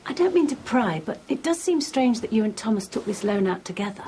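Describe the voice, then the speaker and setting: A woman confidante in a soap drama, tactful yet nosy. She speaks naturally in a soft-edged, dark tone, probing gently. There is faint noise behind her. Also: a little high, very animated, brisk.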